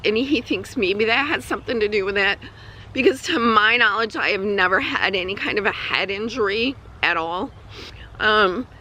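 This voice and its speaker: A woman with a weak, strained voice and a troubled throat, giving a halting, casual personal update to camera while outdoors. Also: medium pitch, pushed and bright, low-quality recording. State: throat spasms with coughing and throat clearing. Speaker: vlogger. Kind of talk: personal health update vlog, casual talk. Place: outdoors on a hike.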